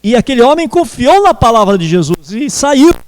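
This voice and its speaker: A man preaching a sermon as pastor, slow and measured with pauses. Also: very high voice, big pitch swings, long reverb tail. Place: church.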